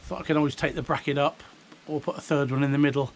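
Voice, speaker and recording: Speaking fast with a steady tone, this slightly high-voiced British man in his fifties rambles through a casual, rough show-and-tell. He's a hobbyist filming on a phone or handheld camera next to a house in the breeze, with slight background noise audible.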